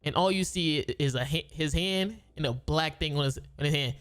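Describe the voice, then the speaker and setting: A man's voice: fairly high pitch, a little fast, fairly bright tone, smooth. A man who makes gaming videos tells a long story casually, rambling with slang and restarting his sentences.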